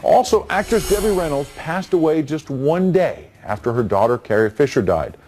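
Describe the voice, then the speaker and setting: A man hosting a cable news show, reading viewer posts and interviewing a guest in a brisk, wry way. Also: fairly high pitch, sing-song, a little mellow, slightly rough, faint music behind. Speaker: TV news host.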